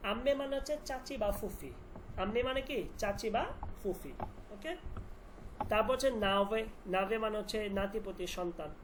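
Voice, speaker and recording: Man drilling vocabulary slowly, faint noise. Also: high-pitched. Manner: repeats words and drills meanings with questions. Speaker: Farsi language teacher. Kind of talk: online language class.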